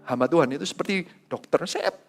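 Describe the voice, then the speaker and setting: A man's voice: a little high, a little fast. A male pastor from Indonesia giving a conversational sermon, acting out dialogues and dropping in English phrases. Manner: conversational preaching, mixing in English phrases, animated retelling of dialogue.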